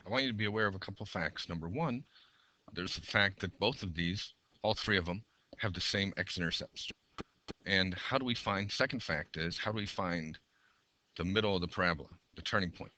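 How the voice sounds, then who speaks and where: Losing his voice, a man who teaches math walks through sketching graphs one step at a time, narrating as he draws and counting out loud. He speaks briskly in a low voice with a sharp tone.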